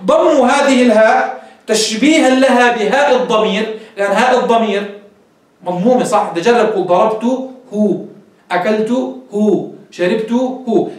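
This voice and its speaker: A man teaching a grammar lesson, explaining step by step and quizzing his class. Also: very high-pitched. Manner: explains step by step, asks the class questions and answers them. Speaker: sheikh teaching Arabic grammar. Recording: very echoey room, mic far off.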